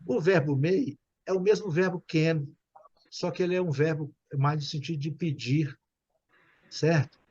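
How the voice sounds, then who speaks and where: Um professor de inglês brasileiro dando aula online, paciente, repetindo e conferindo se o aluno entendeu. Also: male voice, on the high side, unhurried, a little mellow, breathy edge, dull audio. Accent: Brazilian Portuguese. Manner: patient, repeats and checks understanding. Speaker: English teacher. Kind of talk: online English class.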